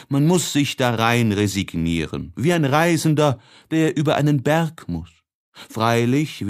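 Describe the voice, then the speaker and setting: In a mid-range voice, a male audiobook narrator reads literary prose expressively, with deliberate and measured phrasing.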